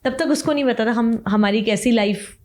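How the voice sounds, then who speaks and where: A woman's voice: a little high, normal speed, darkish tone. A young woman, an interview guest, telling her life story in an emotional, chatty way and mixing in English phrases. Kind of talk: casual interview talk.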